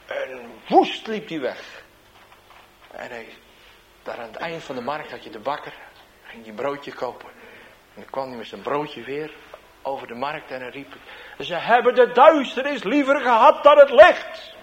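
A man, a street evangelist, tells a testimony in an animated storytelling way, swinging between loud bursts and hushed asides. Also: medium pitch, measured pace, pauses often, a little hiss or hum, rough recording.

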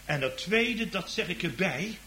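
Impassioned preacher with lively pitch. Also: male voice, a little slow, slight background noise, poor audio. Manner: swings from hushed to loud impassioned preaching. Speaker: pastor. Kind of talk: sermon.

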